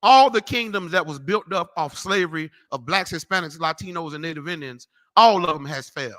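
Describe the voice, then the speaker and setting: Brash high-pitched preacher man. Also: fairly quick, fairly bright tone. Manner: brash, profane, mocking, tells people off. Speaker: street preacher teaching a class. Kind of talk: loud street-corner Bible teaching.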